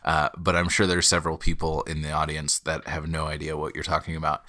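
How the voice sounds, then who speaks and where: A man's voice: rumbling low, monotone, brisk, bright, forceful tone. A man with a head cold co-hosting a podcast, summing up and paraphrasing what his partner says. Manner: summarizing and paraphrasing the other speaker. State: sick, stuffy head cold. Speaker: podcast co-host. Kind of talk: casual podcast conversation.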